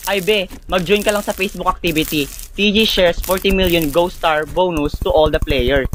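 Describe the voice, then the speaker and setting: A skit creator performing a comedy skit in a brash manner, switching rapidly between characters. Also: mid-range voice. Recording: noisy recording.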